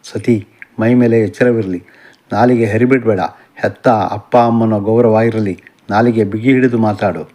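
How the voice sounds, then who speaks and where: A man voicing an anxious middle-aged mother in an audiobook novel, pleading and scolding softly. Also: on the low side, steady tone, measured pace.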